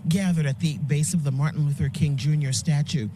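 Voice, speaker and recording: A woman's voice: sits low, fairly even intonation, fairly quick, dark tone. A woman delivering live field news reports with an emphatic on-air delivery, recorded outdoors on location. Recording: outdoor field audio with faint noise.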